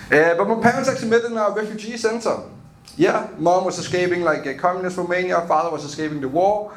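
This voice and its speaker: Onstage at a comedy club, a young comedian from Denmark rambles through a casual set in his Danish accent, cracking himself up along the way. He has a high voice and a fairly quick delivery.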